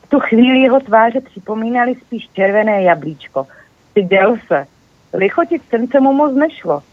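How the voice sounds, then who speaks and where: A guest storyteller reading a children's fairy tale aloud with lively, animated delivery. The voice comes through a thin, tinny phone line and sounds dry and close. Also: mid-range voice, dry recording.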